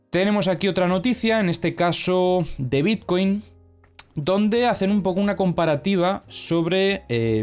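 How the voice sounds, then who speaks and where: A man's voice: fairly high pitch, smooth. A young man hosting crypto news and analysis, talking in a chatty, explanatory way with many fillers and self-corrections. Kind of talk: casual news commentary.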